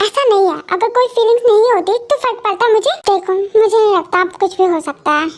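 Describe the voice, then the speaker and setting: A possessive young husband pleads and teases his bride in an amateur romantic audio drama, as a woman voices him. The voice sits extremely high for a man. He talks insistently and drops English words into his lines. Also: fast talker.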